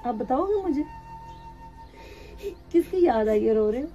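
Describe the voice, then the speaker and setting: Woman, charity vlogger; gentle, coaxing delivery, a touch high-pitched; music bed behind. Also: expressive, a little slow, highs cut off. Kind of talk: emotional charity vlog, talking to camera and to children. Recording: music playing underneath.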